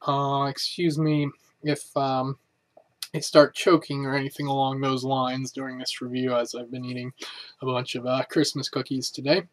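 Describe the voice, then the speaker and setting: A man reviewing a comedy show in a casual, halting way, with many filler words. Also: mid-range voice, level tone.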